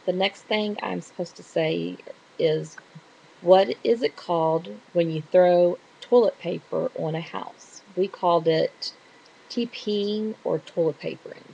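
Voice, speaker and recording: Middle-aged Texas woman with a creaky voice. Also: fairly low pitch, dark tone, poor audio. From Texas, USA. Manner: chatty, rambling. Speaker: blogger answering an accent questionnaire. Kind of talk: casual chat, answering read-out questions. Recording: hissy home recording.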